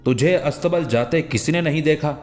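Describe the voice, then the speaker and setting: A hot-tempered governor who shouts his questions in a raised, higher voice, put on by a male audiobook reader. Soft music plays faintly behind him. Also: moderate pace, close to an everyday voice. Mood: angry. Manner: shouting, scolding. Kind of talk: audiobook character voice.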